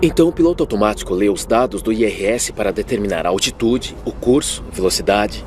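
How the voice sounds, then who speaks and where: Guy dubbing a brazilian male expert explaining stuff in a documentary interview, kinda low voice. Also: lively intonation, fast talker, a little hiss or hum, natural voice. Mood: explanatory. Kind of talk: dubbed interview voice-over.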